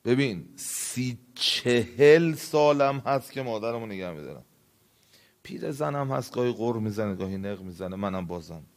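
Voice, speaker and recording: A man preaching a sermon, telling a story with acted dialogue and swinging from hushed tones to loud outbursts. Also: medium pitch, animated. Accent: Iranian Persian.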